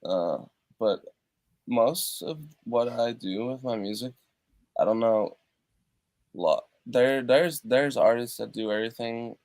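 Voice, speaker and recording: This interview guest is a European man and musician, calling in by video from his treated home studio. His mid-range, slightly mellow voice comes through with no echo as he stumbles along with many fillers and restarts.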